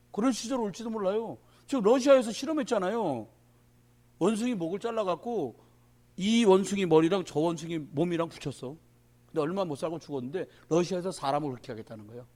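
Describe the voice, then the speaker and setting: A man's voice: high voice, a little mellow. A male pastor preaching a sermon at a prayer meeting, emphatic and colloquial, calling out directly to the congregation.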